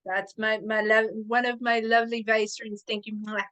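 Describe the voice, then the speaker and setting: A woman chatting as a podcast guest, telling stories in a hesitant way with frequent pauses and fillers. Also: on the high side, little pitch movement, fairly bright tone, poor audio. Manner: hesitant, with many fillers and restarts. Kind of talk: casual interview chat.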